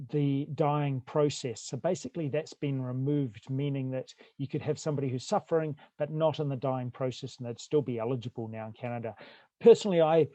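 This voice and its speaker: A man's voice: a little high, mellow, no echo. A middle-aged man, a rural family doctor from New Zealand, speaking frankly and thoughtfully in a webinar over a video call. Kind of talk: webinar talk.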